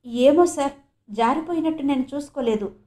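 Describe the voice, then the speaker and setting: A woman's voice: high-pitched, moderate pace, dark tone, pitched above the performer's own voice, lightly acted. A woman voicing an evasive middle-aged male doctor who answers defensively in a storybook reading.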